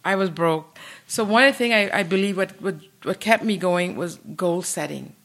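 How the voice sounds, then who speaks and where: Excited woman in her sixties, Canadian. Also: fairly low pitch, normal speed. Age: 60s. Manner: enthusiastic, repetitive storytelling. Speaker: guest, martial arts coach. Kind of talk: podcast interview.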